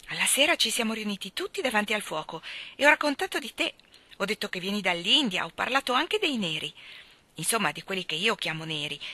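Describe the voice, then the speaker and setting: A woman's voice: mid-range voice, pushed and bright, no room sound. A woman voicing a cheerful, chatty young housemaid who tells homely stories in a storybook reading.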